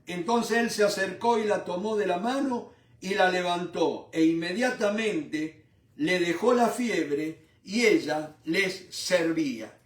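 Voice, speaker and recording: A man's voice: high voice, slow pace, roomy sound, distant mic. A man preaching a Bible study sermon with fervor, calling his listeners brothers. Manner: fervent, addresses listeners as brothers.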